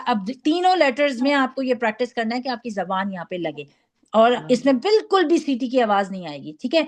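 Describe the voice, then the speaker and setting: A woman teaching Quran recitation, patiently modelling each letter sound for students to repeat. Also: a little high. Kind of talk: online tajweed lesson.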